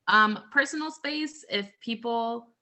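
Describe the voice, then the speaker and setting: A woman's voice: a little high, takes it slowly, pushed and bright. A woman casually leading a group lesson over a video call, explaining with everyday examples and lots of "so" and "like". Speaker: group leader presenting a lesson. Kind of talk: casual teaching talk to a group.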